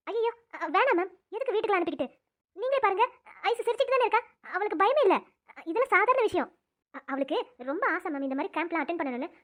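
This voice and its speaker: Very high, fussing cartoon women. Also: female voice. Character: nurse, camp teachers and schoolgirls. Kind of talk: cartoon drama dialogue.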